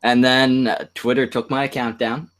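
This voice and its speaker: Dude rambling crude stories on a stream, average pitch, swears a lot. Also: male voice, little pitch movement, normal speed, fairly bright tone. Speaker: stream host. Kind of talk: casual profane chat.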